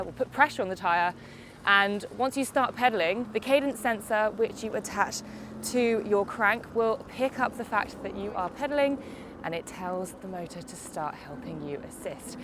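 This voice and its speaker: A British e-bike reviewer, congested from a summer cold, chats upbeat in a medium-pitched voice while riding outdoors on roads and hills. She explains things as she cycles for a casual video review, with light traffic noise around her.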